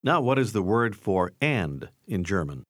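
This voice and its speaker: A man narrating a language course, giving clear scripted prompts to listen and repeat. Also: on the low side, big pitch swings, a little slow, no echo, clean studio sound. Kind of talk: scripted instruction.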